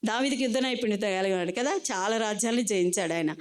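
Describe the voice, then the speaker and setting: A woman pastor preaching a sermon with a Telugu Andhra accent, rising often into fervent, high-pitched exhortation. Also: fast talker.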